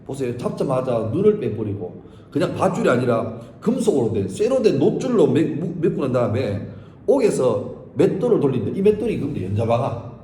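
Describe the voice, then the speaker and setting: A man's voice: medium pitch, very animated, brisk, dark tone, slight background noise. A male pastor giving a Bible study sermon, telling the story vividly and acting out its scenes. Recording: echoey hall with faint ambience.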